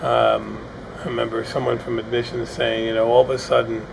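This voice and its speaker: Male panel host, gravelly, meandering questions, noisy recording. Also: mid-range voice, little pitch movement, fairly quick. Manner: hesitant, rambling questions. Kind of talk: hosting a panel discussion.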